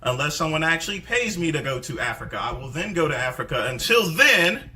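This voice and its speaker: North carolina guy ranting at the camera, scolding, cutting bright voice. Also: fairly high pitch, big pitch swings, a little fast, rough recording. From North Carolina, USA. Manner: combative and scolding, tacks "there" onto many sentences. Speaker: online commentator. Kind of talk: angry direct-to-camera rant.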